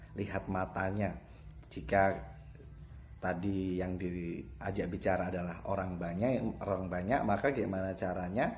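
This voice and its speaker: A man with a fairly low voice gives an online lesson to students. He explains step by step, repeats the key terms and shifts his tone to demonstrate a point. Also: darkish tone.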